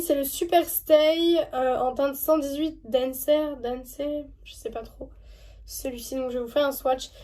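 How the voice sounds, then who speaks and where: A young woman with a French accent talks through her favourite makeup in a relaxed home vlog. Her voice sits high, and she rambles with fillers and false starts. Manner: chatty, hesitant, many fillers and restarts. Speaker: beauty vlogger. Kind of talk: casual makeup review vlog.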